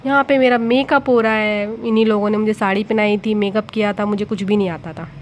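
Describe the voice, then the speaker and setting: A chatty woman in her thirties talks through her old wedding photos in a homely, amused way. Her voice sits at an ordinary middle pitch. A faint hum of background noise runs under the talk. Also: steady tone, a little fast. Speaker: vlogger. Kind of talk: casual chat narrating wedding photos.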